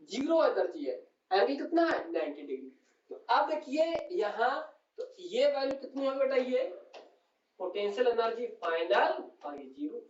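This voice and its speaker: A man's voice: very high voice, darkish tone. A male physics teacher explaining on a whiteboard, who keeps calling his students "beta" and asks and answers his own questions. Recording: distant, roomy and dull classroom recording.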